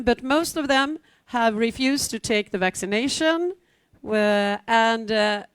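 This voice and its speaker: A woman's voice: a little high, no room sound. A middle-aged woman from Sweden speaking on a conference panel about her vocational school, chatty with wry asides and many fillers. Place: conference hall, standing before an audience.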